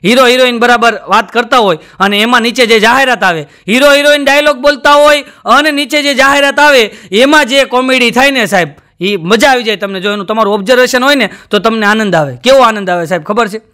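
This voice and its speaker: A man's voice: extremely high pitch, quick pace, few pauses, sharp tone. A man with a Gujarati accent telling jokes on stage in a chatty way, often turning to the audience as "sir". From Gujarat, India. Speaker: stand-up comedian. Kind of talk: stand-up joke telling.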